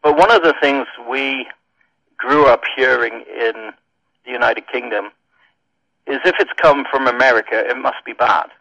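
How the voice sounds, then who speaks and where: Gravelly Welsh man on dull radio audio. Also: medium pitch, pushed and bright, dry recording. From Wales. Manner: thoughtful, pauses with many ums. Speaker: minister and radio guest. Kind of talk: radio interview answer.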